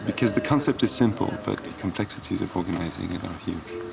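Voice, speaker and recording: A man speaking in an interview about organizing the event, hesitant and filled with pauses. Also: low voice, vocal fry, recorded from a distance. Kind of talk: documentary interview.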